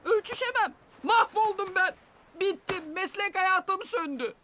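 A chatty cartoon zebra. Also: male voice, extremely high pitch, very animated, sharp tone, exaggerated voice. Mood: joking. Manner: fast, pleading, easygoing banter. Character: chatty upbeat male zebra. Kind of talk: cartoon dubbing.

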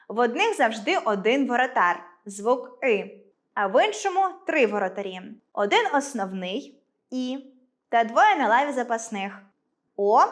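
Slow, lively-voiced woman teaching a class. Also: fairly high pitch. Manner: clear, deliberate dictation of example words. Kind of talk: school lesson for children.

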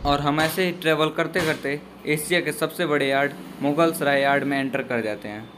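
A man's voice: a little high, fairly even intonation, moderate pace, over music. Casual Hindi-speaking male travel narrator. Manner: casual, loosely worded, with restarts. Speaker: travel vlogger.

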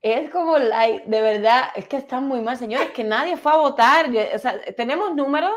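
A Cuban woman co-hosts a casual talk show in a sarcastic, exclamatory way. She slips English words into her talk, and her voice sits fairly high. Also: moderate pace, highs cut off, slight background noise. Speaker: co-host. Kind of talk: casual chat commentary.

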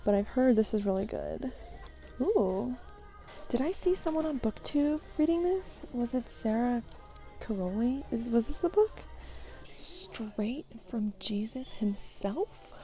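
A woman's voice: a little high, animated, unhurried, warm tone, soft background music. A woman vlogging casually as she browses books in a thrift store, chatty and giggly, musing half to herself. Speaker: book vlogger. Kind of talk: casual chat while browsing.

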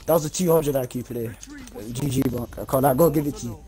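A young man streaming a game and chatting with friends, excitable, yelping and laughing often. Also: medium pitch, fast. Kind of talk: casual gaming chat with friends.

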